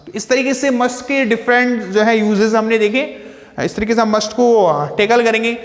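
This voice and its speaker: A man with a high voice teaches grammar, asking his own questions and answering them. He repeats each key term with simpler words and slows down to read out example sentences. The room is echoey and the reverb hangs long. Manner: asks rhetorical questions and answers them himself; reads example sentences slowly. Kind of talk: explaining grammar to students.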